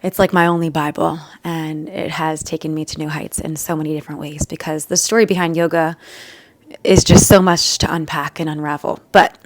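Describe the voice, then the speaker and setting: A woman's voice: sits low, level tone, a little fast, no echo. A young woman vlogger telling a personal story in a chatty, emotional, rambling way with many fillers. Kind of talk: casual storytelling to camera.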